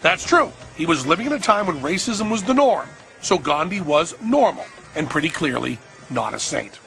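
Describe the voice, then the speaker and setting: Sarcastic American man with a gravelly high voice. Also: big pitch swings, normal speed, sharp tone, soft background music. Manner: sarcastic, profane, mock-outraged. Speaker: host. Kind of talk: comedic documentary narration.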